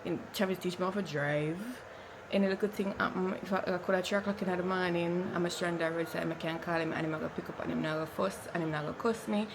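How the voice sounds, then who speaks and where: A woman's voice: on the low side, fairly even intonation, quick pace, background noise. A woman with a Jamaican accent chatting casually as a lifestyle vlogger, informal and slipping into Patois. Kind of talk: casual chatty vlog talk.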